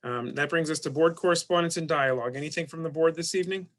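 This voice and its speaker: A man's voice: fairly high pitch, quick pace, fairly bright tone. A man speaking as board president, running a meeting with formal procedural phrasing.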